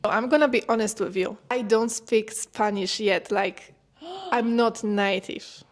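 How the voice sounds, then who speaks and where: A young Polish woman speaking English as a second language in a relaxed, chatty way. Her voice sits a little high, and she often breaks into laughter. Her phrasing has the small slips of a non-native speaker. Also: a little slow. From Poland. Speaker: co-host. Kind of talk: casual chat.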